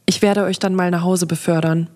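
A woman's voice: lowish voice, little pitch movement, brisk, darkish tone, natural voice. A woman reading the lines of a brash, teasing young female witch in an audio story. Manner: teasing and flippant.

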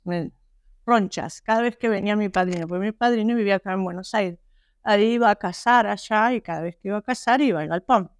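An Argentine woman, a guest author, telling her personal story in an interview, halting and earnest with frequent restarts. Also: medium pitch, clear, resonant tone, no echo, clean studio sound. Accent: Argentine Spanish. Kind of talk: personal testimony in a podcast interview.

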